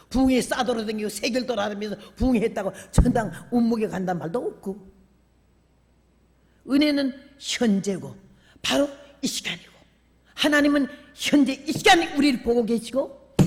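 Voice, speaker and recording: Older woman preaching in a gravelly voice. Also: a little high, long reverb tail. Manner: colloquial, animated, acts out dialogue in voices. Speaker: revival preacher. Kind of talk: sermon with personal storytelling. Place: church sanctuary.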